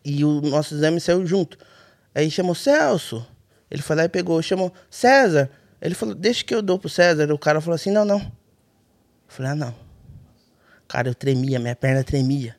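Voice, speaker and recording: Brief: Brazilian man, podcast guest, lively storyteller, slightly high voice. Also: brisk, pauses often. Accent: Brazilian Portuguese. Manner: animated, colloquial, acts out dialogue in his story. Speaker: podcast guest, rally navigator. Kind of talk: casual storytelling.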